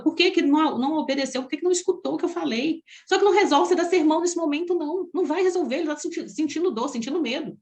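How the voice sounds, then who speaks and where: A woman with a Brazilian accent, a parenting coach giving an expressive teaching talk that speaks straight to parents and asks them many questions. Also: sits high. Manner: expressive, talks directly to parents.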